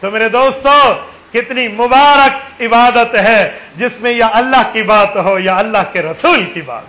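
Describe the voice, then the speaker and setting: A man's voice: very high-pitched, a little slow, sharp tone, low-quality recording. A man preaching a sermon, asking his listeners rhetorical questions and counting aloud with them. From Saraiki-speaking region of Pakistan.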